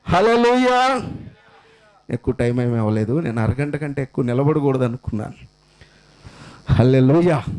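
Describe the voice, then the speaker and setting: A high-pitched man delivers a memorial sermon. He rises into loud exclamations, then drops to low, quiet murmurs, and keeps calling out hallelujahs. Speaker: pastor.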